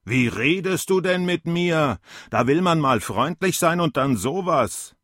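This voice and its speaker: A man's voice: medium pitch, expressive, moderate pace, no echo, studio quality, voice pushed up, natural voice. A man doing a drunk, ranting old man. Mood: chummy. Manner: loud, indignant ranting. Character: drunk, belligerent old man, self-pitying.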